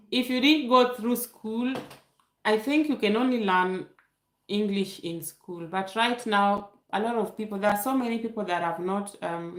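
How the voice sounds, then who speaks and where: A young Kenyan woman whose first language is Luo speaks in a mid-range voice with a Kenyan accent, and the audio is reverberant. She hosts a casual YouTube livestream Q&A, reading viewer comments aloud and laughing often.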